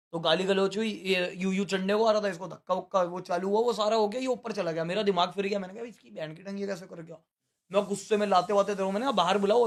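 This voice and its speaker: A young man recounting a fight in casual chat, quoting his own words in rapid dialogue. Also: sits high. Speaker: reality show contestant recounting a fight.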